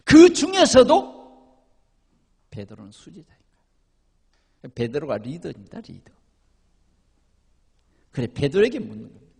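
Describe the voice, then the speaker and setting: A male pastor preaching a sermon, with emphatic swings between loud declarations and quiet asides. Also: fairly high pitch, huge pitch swings, unhurried, pauses often, breathy edge. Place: church sanctuary. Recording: reverberant church hall.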